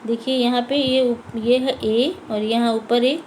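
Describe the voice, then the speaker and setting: A woman with a fairly high voice teaches a lesson to young children. She goes slowly and patiently, repeats each word and asks and answers her own questions. A faint hiss sits under the recording. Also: steady tone, darkish tone, poor audio. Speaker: primary school Hindi teacher.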